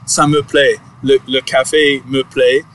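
A man whose first language is English, interviewing casually in a second language, halting and searching for his words. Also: medium pitch, flat delivery, fairly bright tone.

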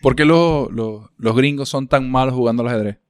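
A man telling jokes in an animated casual chat. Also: mid-range voice, clean tone, no echo, clean studio sound. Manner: animated, quick to laugh. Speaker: joke teller.

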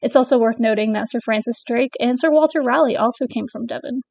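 Woman host with a bright, dry voice. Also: a little high, fast, dry recording. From northern England. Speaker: podcast host. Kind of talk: scripted podcast narration.

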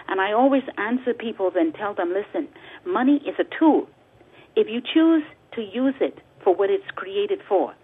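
Over a tinny phone connection, a female guest author from the Bahamas gives an earnest talk radio interview. She repeats words for emphasis much like a preacher, and her medium-pitched voice is slightly rough.

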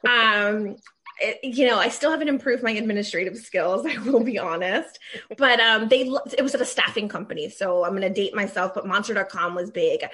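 A middle-aged woman from Maryland, a guest telling her career story in a lively, laughing, casual interview. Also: medium pitch, a little fast. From Maryland, USA. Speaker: guest, recruiting leader.

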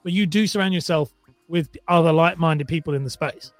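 A man's voice: fairly high pitch, fairly quick, soft background music. A man hosting a casual interview, putting questions in a rambling, roundabout way.

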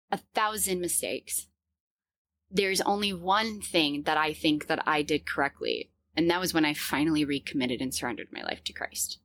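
A woman's voice: fairly low pitch, a bit bright, dry recording. Earnest woman in her thirties, dry close sound. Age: 30s. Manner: candid, earnest, laughs often. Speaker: podcast host. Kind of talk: personal storytelling monologue.

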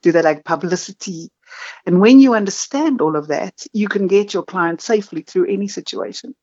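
A middle-aged South African woman, a marketing consultant appearing as a podcast guest over a video call, tells her story frankly with self-deprecating humor. Her voice is lowish and darkish at a moderate pace, in a dry recording with the highs cut off.

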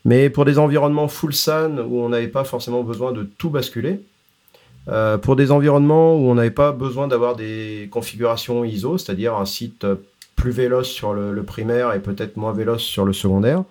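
A man on a casual tech podcast walks through product versions, pausing often on filler sounds as he gathers his thoughts. He slips English technical terms into his talk, and his pitch sits in an ordinary middle range. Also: steady tone, a little mellow. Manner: explanatory, hesitant with frequent "euh" fillers. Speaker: podcast co-host explaining product releases.

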